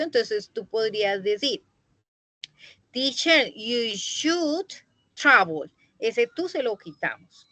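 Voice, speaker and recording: A woman's voice: fairly high pitch, sharp tone, no echo, low-quality recording. A woman teaching an English grammar lesson in an online class, explaining patiently and checking in often with her students. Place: online meeting recording.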